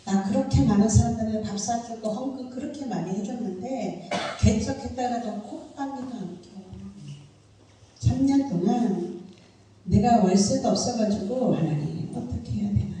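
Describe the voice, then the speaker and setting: A woman's voice: fairly high pitch, moderate pace. Middle-aged woman pastor preaching in echoey hall. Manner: animated storytelling with sudden loud bursts. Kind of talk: sermon. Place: church hall. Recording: echoey hall, distant mic, faint noise.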